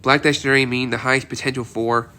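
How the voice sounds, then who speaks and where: A man with a cold hosts a casual weather outlook, his voice stuffy and congested, medium in pitch with little movement, brisk and sharp. He rambles, repeating himself and restarting often.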